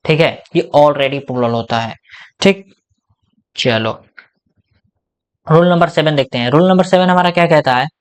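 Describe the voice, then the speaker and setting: A man with a Hindi accent talks through an English grammar lesson, his voice sitting a little higher than usual. He keeps asking the class questions and answering them himself, with frequent checks that they follow. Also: moderate pace, pauses often, clean tone. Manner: asks questions and answers them himself, repeats "ठीक ना?" often. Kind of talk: casual explanatory lesson.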